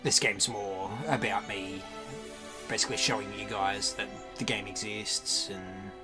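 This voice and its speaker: Male streamer, lowish voice, casual and rambling, loud game music underneath. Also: fairly even intonation, measured pace, poor audio. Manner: hesitant, rambling. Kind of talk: casual gameplay commentary.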